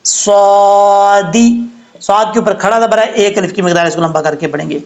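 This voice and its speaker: A high-voiced man teaches Quran tajweed, patiently going through every letter and the sound it makes. He explains things carefully and methodically, much like a teacher leading a slow lesson.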